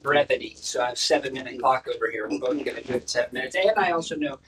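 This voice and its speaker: A man's voice: mid-range voice, very fast, a bit bright, a little hiss or hum, poor audio. A man at a school board meeting, joking lightly with the trustees before a presentation. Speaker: school district administrator.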